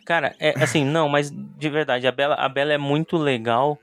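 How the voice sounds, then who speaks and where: A man's voice: on the high side, fairly even intonation, fairly quick, a bit bright. A man with a Brazilian Portuguese accent, co-hosting a casual film chat with informal slang, emphatic opinions and teasing banter. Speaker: podcast co-host.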